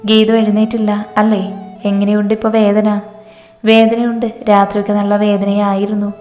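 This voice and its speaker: A woman narrates a domestic drama in a flat, level voice that barely rises or falls. Her reading echoes in a reverberant room, with soft music playing beneath it. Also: mid-range voice. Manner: even, unhurried reading, voicing all characters in her own voice. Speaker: storyteller. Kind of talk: scripted story narration with character dialogue.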